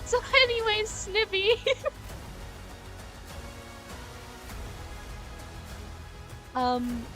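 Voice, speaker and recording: Slow-talking giggly woman streamer. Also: a little high. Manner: rambling, giggly, corrects herself mid-thought; playfully argumentative. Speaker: live streamer reading chat. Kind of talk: casual live-stream chat.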